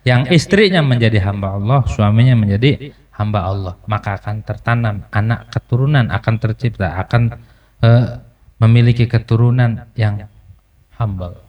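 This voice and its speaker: A man preaching a sermon, joking and telling lively stories with sudden high jumps in his voice. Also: normal speed, distant mic. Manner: humorous, lively storytelling with sudden pitch jumps.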